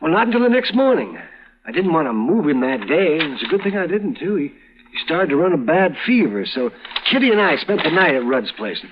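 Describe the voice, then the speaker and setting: An actor playing a kindly older frontier doctor who talks in a fussy, stammering way, in a 1950s radio drama. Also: male voice, a little high, sing-song, a little fast. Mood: concerned. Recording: lo-fi old radio recording with faint hiss.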